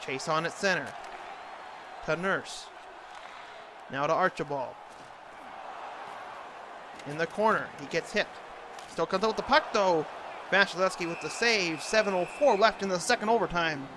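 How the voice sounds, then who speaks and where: Man, higher-pitched voice, announcer-style hockey commentary, short clipped calls, noticeably noisy recording. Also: normal speed, long pauses, crowd noise. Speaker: amateur hockey play-by-play announcer. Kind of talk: sports announcer impression, play-by-play commentary. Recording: clearly noisy, ambient background noise.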